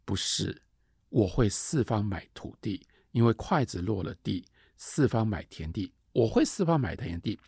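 A man's voice: on the low side, expressive, unhurried, creaky, darkish tone, breathy edge, no room sound, clean studio sound, heavily acted. A male lecturer voicing a stubborn little girl who protests indignantly. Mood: defiant. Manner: protesting, insistent.

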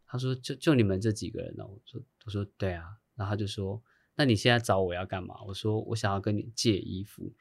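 A man's voice: fairly low pitch, steady tone, fast, creaky, no echo. A man who works as a hairstylist tells a long story in a casual chat, acting out the voices of the people he quotes and laughing often. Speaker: guest.

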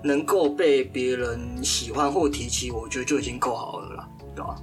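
A man's voice: mid-range voice, moderate pace, over music. A man co-hosting a podcast, easygoing and playful in casual chat. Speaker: podcast co-host.

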